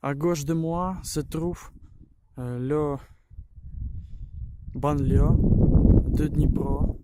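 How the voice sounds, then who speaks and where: Slow, halting Ukrainian man in broken French. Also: on the high side, fairly even intonation. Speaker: amateur vlogger. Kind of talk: outdoor travel vlog to camera. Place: outdoors near a city. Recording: clearly noisy outdoor recording, loud noise.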